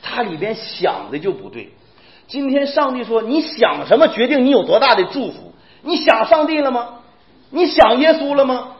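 A man pastor preaches a lively sermon, checking with his listeners again and again. His voice sits high and leaps up and down. The recording is dull and lo-fi, with an echoey room around him. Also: normal speed. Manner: animated, keeps asking listeners "you know?".

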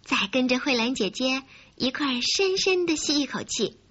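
A woman hosting a children's story programme, talking directly to young listeners in an expressive, coaxing storyteller's way. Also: high-pitched, moderate pace, slightly rough. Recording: muffled recording with faint music.

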